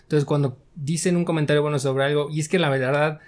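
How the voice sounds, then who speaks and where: Man, Mexican Spanish accent, slightly high pitch, casual, chatty, game developer. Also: fast talker. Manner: relaxed, chatty, frequent fillers and laughs. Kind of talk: casual interview conversation.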